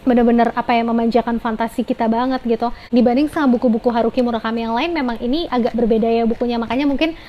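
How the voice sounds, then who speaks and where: A woman's voice: fairly high pitch, steady tone, rapid-fire, hardly any pauses, highs cut off, slight background noise. A young woman giving a casual, chatty book review, slipping English phrases into her slang.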